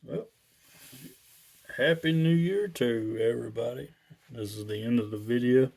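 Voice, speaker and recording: A man talking casually and haltingly as a radio hobbyist, in a laid-back, folksy, rambling way. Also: medium pitch, vocal fry, darkish tone, a little hiss or hum. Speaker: radio hobbyist video maker.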